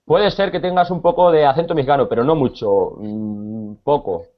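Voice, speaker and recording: Man from Spain, Spanish accent, hesitant teacher, repeats words, mid pitch, dull lo-fi sound. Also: normal speed. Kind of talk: conversational language lesson.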